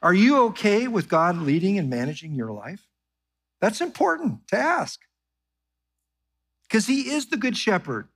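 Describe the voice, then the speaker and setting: Lively, high-voiced preaching man. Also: husky. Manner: animated preaching, asks the congregation questions; reads scripture slowly and softly. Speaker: pastor. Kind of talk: sermon.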